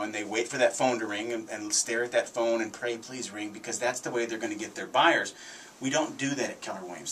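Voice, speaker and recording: An American man with a medium-pitched, slightly bright voice hosts a radio show indoors, talking off the cuff in a plain-spoken, opinionated, folksy way. A real estate agent, he mixes anecdotes with a sales pitch about his trade. The radio capture is noisy and distant-sounding.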